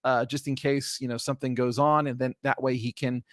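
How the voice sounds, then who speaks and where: A man's voice: mid-range voice, flat delivery, brisk, dry recording, clean studio sound. A man recapping his tabletop game session as game master, rambling and often correcting himself with lots of fillers. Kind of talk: casual campaign recap narration.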